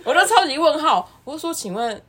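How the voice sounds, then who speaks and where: A woman from Taiwan co-hosting a podcast, telling an anecdote with a lively, laughing manner. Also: high-pitched, quick pace. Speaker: co-host. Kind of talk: casual chat.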